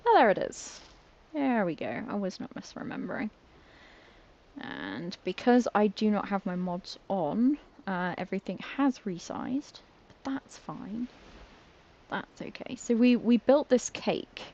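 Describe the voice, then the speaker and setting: A woman's voice: mid-range voice, big pitch swings, measured pace, darkish tone, dull audio. A British woman streaming a game, chatting casually, giggling and poking fun at herself as she trips over words. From Britain. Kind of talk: casual live-stream chat while playing.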